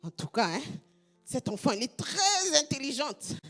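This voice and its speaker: A woman pastor from Congo preaching a fervent sermon, repeating phrases in a half-sung shout. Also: high-pitched, big pitch swings, moderate pace, soft background music.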